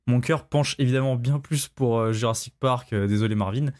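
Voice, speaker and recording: A man giving his view in a casual film discussion, halting as he thinks aloud. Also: mid-range voice, darkish tone. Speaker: podcast panelist.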